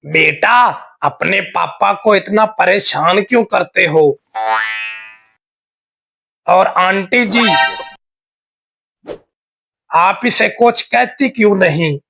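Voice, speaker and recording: A man voicing a boastful middle-aged male neighbor in a cartoon, with a slow, drawling manner. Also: high-pitched, vocal fry, sharp tone, faint music behind, exaggerated voice. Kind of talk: cartoon voice acting.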